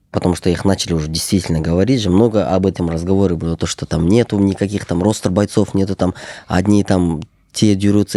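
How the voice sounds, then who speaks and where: Deep, mellow, rambling man. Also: no room sound, clean studio sound. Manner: rambling, repetitive. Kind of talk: casual sports talk.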